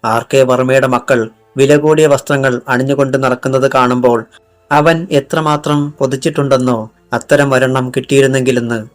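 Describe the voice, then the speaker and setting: A man's voice: mid-range voice, fairly even intonation, normal speed. A man narrating a crime thriller audiobook with dramatic storytelling. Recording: faint background music.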